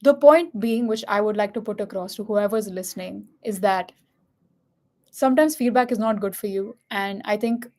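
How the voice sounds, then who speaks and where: A woman's voice: mid-range voice, normal speed, warm tone. A young woman from India with an Indian accent, telling a personal story in a casual, earnest and reflective way. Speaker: vlogger.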